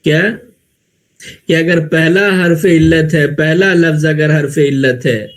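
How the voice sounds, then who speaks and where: A man teaching Arabic grammar in Urdu with an Indian Urdu accent, explaining step by step and answering his own questions. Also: fairly high pitch. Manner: explains slowly, asks questions and answers them himself. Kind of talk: classroom lecture.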